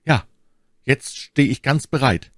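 A man's voice: fairly low pitch, very animated, moderate pace, dry recording, clean studio sound. A man voicing a gallant, earnest young swordsman who speaks in a courtly, pleading way in an audiobook. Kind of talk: audiobook character voice.

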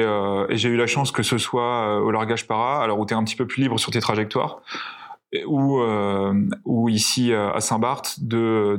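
A male pilot telling flight anecdotes in a casual interview, hesitant with many fillers and restarts. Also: lowish voice. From France. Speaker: pilot guest.

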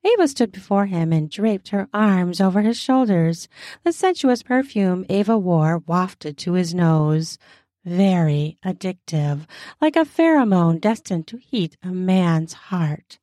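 Podcast host, female, playful chatty lead-in then steady story reading; mellow tone, dry close mic. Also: on the low side, unhurried, no room sound. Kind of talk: erotica podcast narration.

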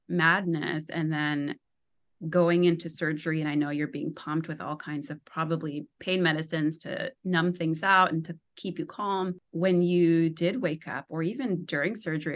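Low-voiced woman podcast host. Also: fairly bright tone. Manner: speaks in long winding questions. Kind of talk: empathetic interview questions.

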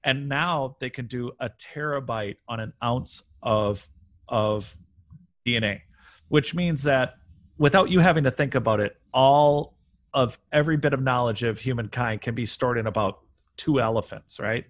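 A man's voice: medium pitch, moderate pace. Guy rambling on a podcast, jumps from idea to idea, lots of restarts. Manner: rambling, animated, many restarts. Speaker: podcast guest. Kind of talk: casual podcast chat. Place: room near a railway line.

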